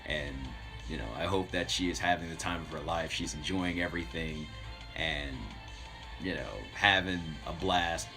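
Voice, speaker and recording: A man with a deep, steady voice hosts a livestream at normal speed, casually chatting with his viewers and wandering through stories while music plays behind him.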